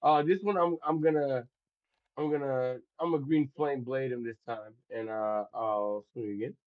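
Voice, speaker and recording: A man's voice: medium pitch, normal speed. A man plays a tabletop game over a voice call, his sound thin and phone-like. He talks in loose, rambling bursts and keeps restarting as he counts up damage. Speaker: player. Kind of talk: casual tabletop play. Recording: tinny call audio.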